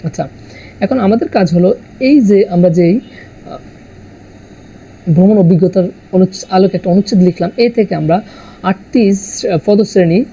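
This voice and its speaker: A man from Bangladesh explaining exam answers as a teacher, halting often with "ah" fillers and correcting himself mid-word. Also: sits high, creaky, mellow, breathy edge, poor audio. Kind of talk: exam answer walkthrough lesson.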